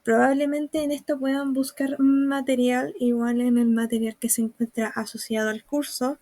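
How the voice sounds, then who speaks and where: A woman's voice: high-pitched, flat delivery, warm tone, no room sound. A woman, patiently explaining sounds and writing in a recorded online lesson. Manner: slow, patient explaining with examples. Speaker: Mandarin teacher.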